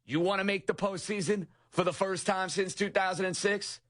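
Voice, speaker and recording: A young man hosting an overnight sports talk radio show, delivering an energetic, emphatic monologue. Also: high voice, moderate pace.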